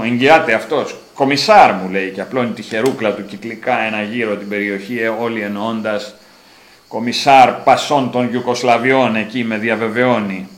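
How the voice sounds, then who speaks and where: Low-voiced man reading literary prose. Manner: dramatic, rising emphasis on repeated phrases. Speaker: author reading his own prose. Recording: roomy echo, faint ambience.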